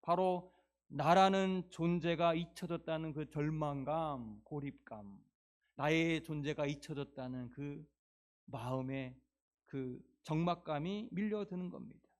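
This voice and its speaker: A male pastor delivers a heartfelt sermon and keeps drawing the congregation in with rhetorical questions. His voice sits high for a man. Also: a little slow.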